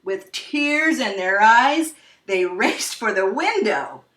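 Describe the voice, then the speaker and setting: This is expressive read-aloud storytelling from a woman with a bright voice and lively intonation that rises and falls widely. She reads a children's picture book slowly, giving the words dramatic weight. A distant microphone catches plenty of room echo.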